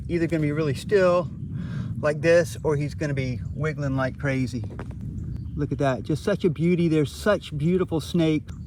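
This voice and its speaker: A man hosting a wildlife video outdoors, talking to the camera in an exclamatory, admiring, colloquial way. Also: fairly high pitch. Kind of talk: outdoor vlog narration, talking to camera and animals. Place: outdoors by a rural road. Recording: clear outdoor background noise. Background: outdoor noise.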